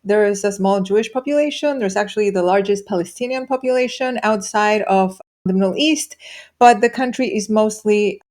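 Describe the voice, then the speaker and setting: A woman's voice: mid-range voice, moderate pace, darkish tone. Chatty woman from Chile. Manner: open, chatty, laughs easily. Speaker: podcast guest, spiritual teacher. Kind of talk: casual interview talk.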